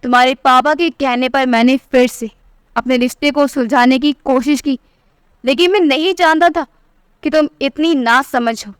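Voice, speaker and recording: An earnest young husband who pleads with his wife, voiced by a woman telling the story. The voice stays light and high, and it sounds clean and smooth. The recording is dry and close. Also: moderate pace, dry recording, close to an everyday voice. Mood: exasperated. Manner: earnest, then exasperated.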